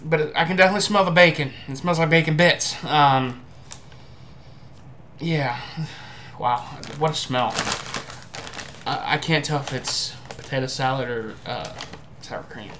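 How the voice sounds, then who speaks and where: A young man giving a casual, halting food review to camera, musing as he goes. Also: fairly high pitch. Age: young adult. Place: indoor room at home. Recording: clearly noisy home webcam recording.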